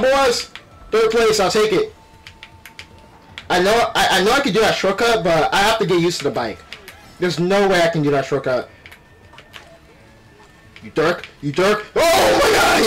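A man giving animated, playful gameplay commentary with exclamations and trash talk, speaking with a retainer in his mouth. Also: high voice, unhurried, pauses often, soft background music, poor audio. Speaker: gaming video host. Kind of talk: excited live gameplay commentary.

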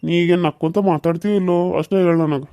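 A man's voice: on the high side, steady tone, very fast, dark tone, clean tone, dry recording, clean studio sound, lightly acted. A man voicing a teasing, coaxing middle-aged man in a cartoon serial, with a North Karnataka accent. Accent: North Karnataka Kannada.

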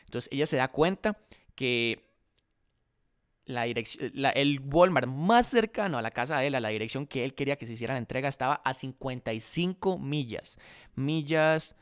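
A young adult Costa Rican man, a dropshipping vlogger, speaks with a Costa Rican Spanish accent as he tells a story to camera in a casual vlog. He's animated, acting out both sides of the dialogue, and has a mid-range, clean-toned voice. He sits close to a desk condenser mic in front of his face in an indoor room beside a large window.

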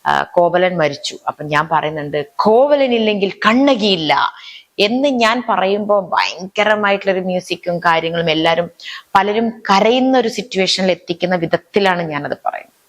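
A woman's voice: on the low side, normal speed. A woman, a mimicry artist, talking in an interview, telling stories in a chatty way with frequent restarts. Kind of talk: interview chat.

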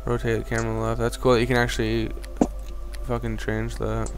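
A man's voice: medium pitch, completely flat delivery, brisk. A young man in casual gaming chat as a let's play gamer, talking in an informal, profane way. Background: faint game music.

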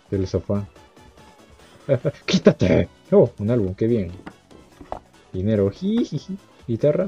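Excitable young man yelping over a game. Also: breathy edge. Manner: mutters to himself, breaks into high yelps and laughs. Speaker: gamer. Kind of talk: let's-play commentary. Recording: dull lo-fi sound with game music.

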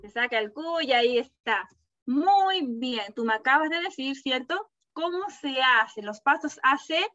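A woman teaching a kindergarten class over a video call, asking slow, patient questions and praising the children. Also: sits high, animated, pushed and bright, no echo. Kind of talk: online class with young children. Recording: dull, muffled video-call audio.

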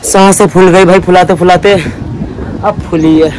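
A man's voice: high voice, steady tone, a little slow, a little mellow. A young man with a rural north Indian Hindi accent, vlogging casually and teasing a friend on an outdoor rooftop, filmed on a handheld phone. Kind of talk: casual vlog chat. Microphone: handheld phone camera. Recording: noisy outdoor phone audio.

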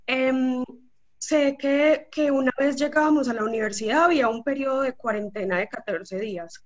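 A woman's voice: sits high, normal speed. A woman, a scholarship recipient, asking questions politely and carefully on a webinar. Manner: polite, careful, thinking aloud. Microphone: video call. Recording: slightly dull video-call audio.

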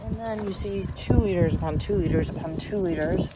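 A woman's voice: fairly low pitch, brisk, heavy background noise. A woman in her thirties chatting casually to viewers while filming on a handheld phone, upbeat and talkative. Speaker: dumpster diving vlogger. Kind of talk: casual vlog narration. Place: outdoors at store dumpsters and at home. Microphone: handheld phone camera.

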